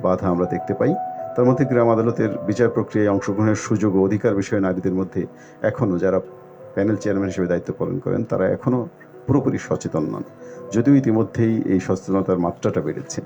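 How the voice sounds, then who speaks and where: A man speaking as an expert guest in a discussion, explaining point by point in a formal, deliberate way with halting pauses. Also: fairly low pitch, creaky. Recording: muffled lo-fi audio with music behind. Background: music.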